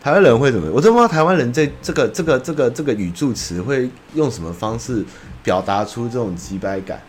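A man's voice: medium pitch, animated, quick pace, slight background noise. A young man from Taiwan, hosting a podcast in casual chat, rambling and blunt, with swearing and mocking voices. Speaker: podcast host. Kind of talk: casual chat about anime.

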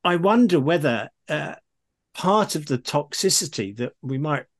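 A man's voice: a little high, expressive, unhurried. A man interviewing in a conversational way, musing tentatively and restating his thoughts as he goes.

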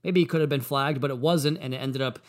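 A man's voice: mid-range voice, steady tone, quick pace. An American man hosting a sports podcast, talking in a monologue.

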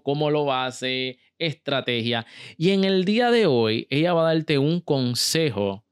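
A man hosting a business podcast, talking straight to his listeners in an energetic, motivational way. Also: medium pitch, clear, resonant tone, dry recording, clean studio sound. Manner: motivational, direct address to listeners. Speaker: podcast host.

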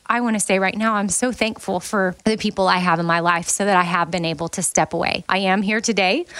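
A woman's voice: medium pitch, a bit bright, dry recording. Candid woman hosting a podcast, dry sound. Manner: candid, heartfelt and conversational. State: emotional, voice near tears at times. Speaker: podcast host. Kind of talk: casual podcast monologue.

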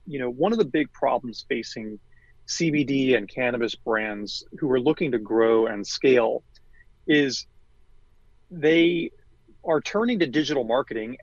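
A man's voice: medium pitch, no echo, dull audio. A man being interviewed as a marketing executive, talking in a conversational way with many fillers and restarts.

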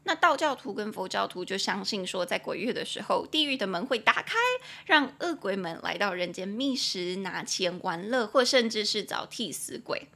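A bright, clear-toned woman with a Taiwanese Mandarin accent teaches English on a podcast. Her talk is lively and playful, with giggles along the way. She slows down to read each English sentence out carefully. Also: medium pitch. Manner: lively and giggly, reads English lines slowly. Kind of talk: bilingual language lesson podcast.

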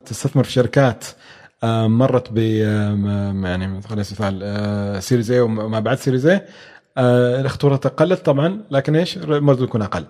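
Fast-talking man, mellow voice. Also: lowish voice. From Oman. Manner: fast, hesitant, many fillers and restarts. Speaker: guest, venture capital expert. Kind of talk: conversational interview answers.

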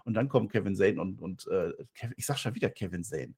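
A man co-hosting a wrestling review podcast, recapping the show as an animated storyteller. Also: low-pitched, a little fast, gravelly, breathy edge.

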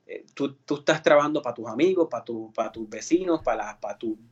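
A man's voice: medium pitch, expressive, brisk, husky, highs cut off. A Puerto Rican man, an actor and singer, telling his story in a casual interview with many fillers and restarts. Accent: Puerto Rican Spanish. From Puerto Rico.

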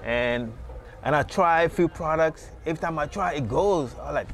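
This Senegalese booth owner's voice is a little high, creaky and slightly bright, moving at a moderate pace. Interviewed casually on the street at a beach market, he tells his story in a rambling way, repeating words and leaning on "you know".

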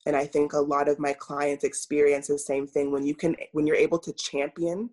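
A woman coach speaking as an interview guest, measured and earnest, pausing often with fillers. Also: low-pitched, flat delivery, a little mellow. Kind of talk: reflective interview talk.

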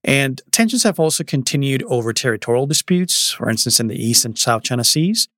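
Guy explaining news on a podcast as the guest writer, medium pitch, really dry recording. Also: expressive, brisk, fairly bright tone, dry recording. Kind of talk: explanatory news analysis in conversation.

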